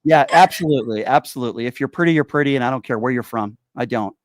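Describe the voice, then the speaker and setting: Chatty host from Connecticut, dry sound. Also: male voice, mid-range voice, fast talker, dry recording. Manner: chatty, rambling with fillers and repeated yeps. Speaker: show host. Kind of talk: casual chat.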